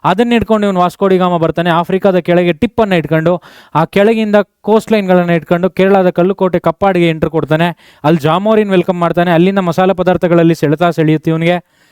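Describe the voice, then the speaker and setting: A male teacher giving an exam revision lesson, quizzing students with quick questions and mixing in English terms. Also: sits high, steady tone, a little mellow, smooth, no echo, clean studio sound. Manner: mixes English terms into speech.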